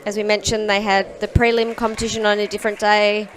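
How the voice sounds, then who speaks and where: A woman's voice: medium pitch, little pitch movement, fast talker. A woman giving live commentary as a sports commentator at a diving competition. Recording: background pool hall noise.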